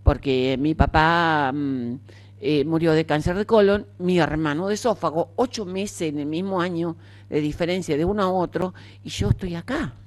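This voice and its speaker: Speaking at a normal speed in a low voice, an older Argentine woman recounts her experience surviving cancer during an interview. She is frank and talkative, using many fillers as she casually tells her story.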